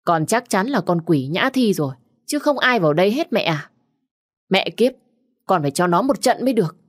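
A woman voicing a fiery young woman who scolds and mocks in quick bursts. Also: mid-range voice, sing-song, no echo, clean studio sound. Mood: angry. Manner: scornful, rapid scolding. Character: sharp-tongued young woman, fiery and mocking.

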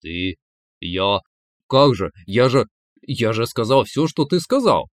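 Brief: male narrator voicing a brash hapless young man, lively pitch, blurting. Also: moderate pace, dry recording, clean studio sound. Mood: indignant. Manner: blurting, indignant when flustered. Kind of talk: audiobook character voicing.

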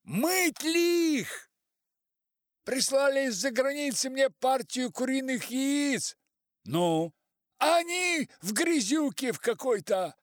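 A man voicing an excitable, boastful middle-aged farm manager who talks loudly and fussily. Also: takes it slowly, dry recording, clean studio sound, exaggerated voice. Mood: shouting eagerly. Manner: shouts high down a crackly phone line.

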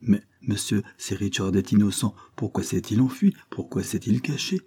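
A man's voice: fairly low pitch, normal speed, mellow, breathy edge. A man reading aloud voices a wary, anxious woman servant who asks doubtful questions. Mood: wary questioning.

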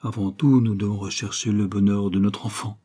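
A man reading the part of a kindly, cautious aristocratic grandmother in an audiobook of a novel, speaking in a gentle, measured way. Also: on the low side, fairly even intonation, breathy edge. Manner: gentle, measured, mildly reproving.

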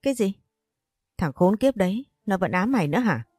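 A woman's voice: mid-range voice, very animated, a little fast, a little mellow, breathy edge, dry recording, faint music behind. A woman voicing a brash, talkative young woman friend who teases and scolds bluntly in an audio story. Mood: scolding.

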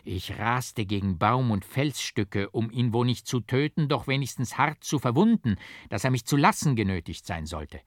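A man reading a dark old tale aloud as a narrator, with strong stresses and a firm rhythm. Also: medium pitch, normal speed, hardly any pauses, no room sound, studio quality. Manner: expressive, strongly rhythmic and emphatic. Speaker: audiobook reader. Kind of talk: dramatic literary reading. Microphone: close studio mic, dry.

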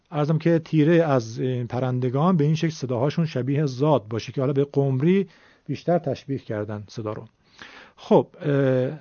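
Middle-aged guy teaching recitation, patient, mellow darkish voice, dry dull lo-fi sound. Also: fairly high pitch, no room sound. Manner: patient, demonstrates sounds slowly. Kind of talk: explanatory lesson. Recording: dull lo-fi recording.

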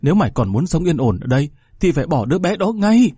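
A man's voice: fairly high pitch, animated, moderate pace, dark tone, slightly rough, dry recording, clean studio sound, voice pushed up. A man voicing an enraged middle-aged mother who scolds her daughter harshly, in a read-aloud story. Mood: furious. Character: furious shouting middle-aged village mother.

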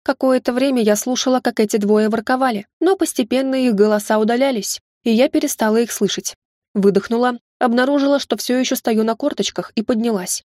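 A woman narrating a first-person fantasy novel in a wry, lively storytelling manner. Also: on the high side, fairly quick, no echo, studio quality. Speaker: audiobook narrator.

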